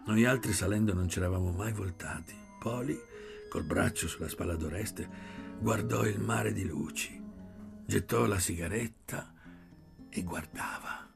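Deep, gravelly male audiobook narrator. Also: music in the background. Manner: measured, often dropping to a soft, breathy near-whisper. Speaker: audiobook reader.

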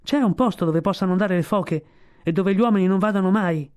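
A man voicing an eager young male fur seal in a storybook reading, calling out in a high, urgent voice. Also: lively intonation, fast, darkish tone, lightly acted.

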